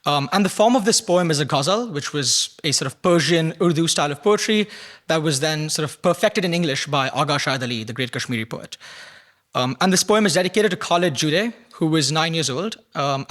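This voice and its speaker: A young man recites a poem at a ceremony, his voice sitting a little high for a man. His reading is slow and solemn, and his voice falls low and quiet as each line closes. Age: young adult. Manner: measured, solemn reading, dropping low and soft at line ends. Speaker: poet reading at a prize ceremony. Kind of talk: poetry recitation.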